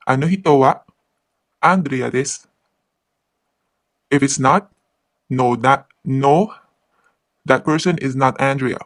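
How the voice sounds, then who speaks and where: A man's voice: mid-range voice, no room sound. A man teaching a Japanese grammar lesson from the Philippines, explaining patiently with repeated examples.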